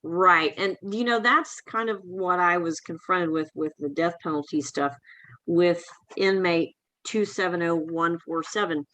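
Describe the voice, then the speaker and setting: A podcast co-host in casual discussion who speaks haltingly, restarting and repeating words. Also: mid-range voice, sharp tone, dry recording, poor audio.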